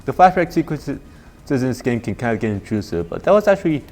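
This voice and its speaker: A man with a somewhat dopey-sounding voice gives casual, halting playthrough commentary, rambling and repeating himself. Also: medium pitch, very animated, a little mellow. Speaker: gameplay commentator. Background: video game music.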